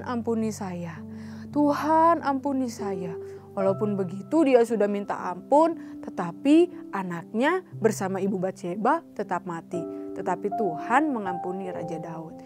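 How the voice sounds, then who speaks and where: A woman teaching Sunday school, telling a Bible story to children in a lively way and acting out the characters' lines. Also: fairly high pitch.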